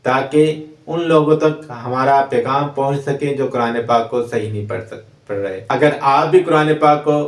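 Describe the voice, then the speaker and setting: A man teaching Quran recitation in a recorded lecture, slowly drawing out each letter sound as he demonstrates it. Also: mid-range voice.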